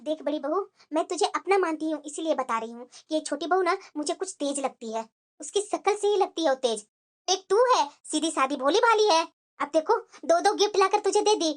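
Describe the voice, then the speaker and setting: A meddling, bossy mother-in-law from a family cartoon, her voice pitched very high. She nags and lectures in a scolding, know-it-all way, as a woman acts her out. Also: lively intonation, a little fast. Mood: coaxing. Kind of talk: cartoon voice acting.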